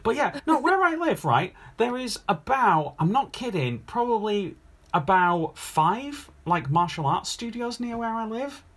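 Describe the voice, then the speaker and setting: A man's voice: sits high, measured pace. A man hosting a podcast in casual chat, running a quiz with jokes and teasing. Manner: jokey, teasing, lively.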